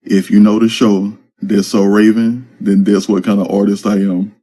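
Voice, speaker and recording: A man's voice: lowish voice, little pitch movement, moderate pace, warm tone, slightly rough. A man voicing a playful young man who jokes with his friends in slangy banter. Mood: deadpan.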